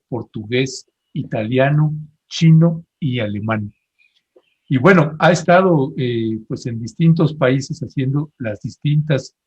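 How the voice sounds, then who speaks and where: A man hosting a live interview broadcast, talking in a relaxed, conversational way with small restarts. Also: medium pitch, slightly rough, highs cut off. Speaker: host.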